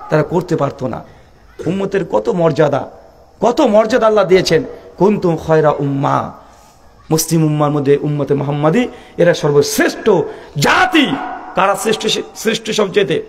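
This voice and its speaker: Male preacher, fiery chanted sermon with shouts; faint background noise. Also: on the high side, brisk, big-room sound. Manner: dramatic chanting, frequent shouting, pleading rhetorical questions to the crowd. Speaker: preacher at a waz mahfil. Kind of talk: impassioned Bengali sermon.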